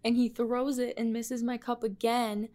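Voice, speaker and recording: A woman's voice: a little high, flat delivery, a little slow, warm tone. A young adult woman co-hosting a podcast in casual chat, giggly and swearing casually. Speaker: podcast co-host.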